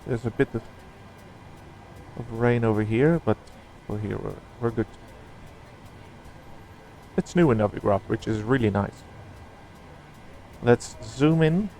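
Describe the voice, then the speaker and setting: Creaky-voiced man narrating a flight sim. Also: medium pitch, a little mellow, slight background noise, poor audio. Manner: thinks aloud in short fragments. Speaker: flight simulator streamer. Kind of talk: casual running commentary on a simulated flight.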